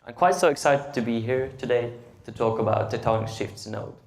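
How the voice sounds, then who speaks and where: Speaking briskly at a medium pitch, a late-teen conference speaker from Norway presents at a tech meetup, his gravelly voice full of hesitant "uh"s and "um"s. The meeting room gives an echo, and there's a slight hiss or hum.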